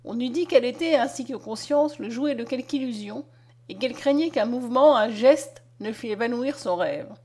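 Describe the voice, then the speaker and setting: Woman reading a story aloud. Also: on the high side. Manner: steady, measured reading. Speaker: audiobook reader. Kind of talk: storytelling narration.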